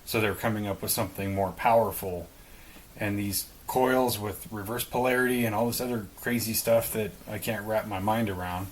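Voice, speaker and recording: Man, podcast co-host, lowish voice, casual and profane, faint hiss behind. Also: steady tone, moderate pace, low-quality recording. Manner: casual, swears freely, speculative storytelling. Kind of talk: casual conversation.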